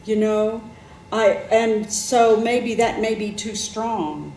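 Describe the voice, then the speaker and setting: A woman hosting a chat show, musing and admiring in a relaxed, unhurried way. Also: fairly high pitch. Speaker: talk show host. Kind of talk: casual chat. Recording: echoey room with faint noise.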